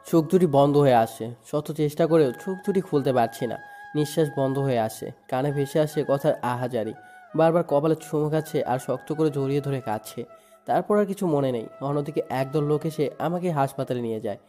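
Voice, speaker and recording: A man's voice: a little high, fairly quick, mellow, soft background music. A man narrating a first-person dramatic story in a sorrowful, emotive way. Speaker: narrator and lead voice.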